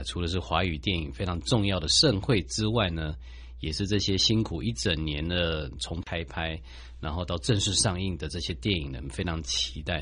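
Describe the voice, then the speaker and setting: Very deep Taiwanese Mandarin male host. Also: fairly bright tone, breathy edge. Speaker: podcast host, interviewer. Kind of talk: presenting and interviewing.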